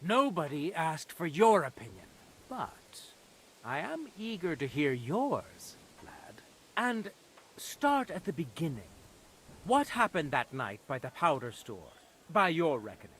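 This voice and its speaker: An actor playing a haughty lord judging a murder case in a video game, imperious and contemptuous. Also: male voice, a little high, sing-song, measured pace, a bit bright, a little hiss or hum. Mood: questioning. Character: haughty noble judge, lord presiding over trial.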